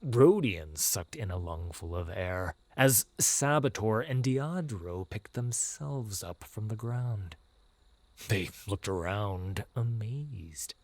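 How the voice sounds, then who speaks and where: A man with a lowish voice narrates a fantasy audio drama solemnly and dramatically at a measured pace, letting the ends of his phrases sink to a hush.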